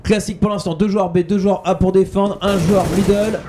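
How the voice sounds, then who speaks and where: A man's voice: high-pitched, flat delivery, moderate pace, background noise. A man giving live play-by-play commentary on an esports match.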